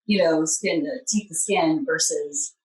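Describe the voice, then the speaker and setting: A woman's voice: low-pitched, unhurried, darkish tone, echoey room, distant mic, low-quality recording. A woman hosting an interview, bubbly and apologetic, with giggly interjections. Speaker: podcast host. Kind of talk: casual interview chat.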